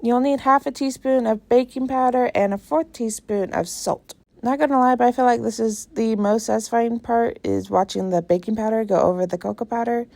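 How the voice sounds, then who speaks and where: A woman's voice: on the high side, steady tone, a little fast, creaky, hardly any pauses, mellow. A young American woman with a congested voice, chatting casually in her home kitchen as a vlogger, talking to herself while she works. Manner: chatty, self-deprecating, talks to herself while working. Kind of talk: casual chat vlog.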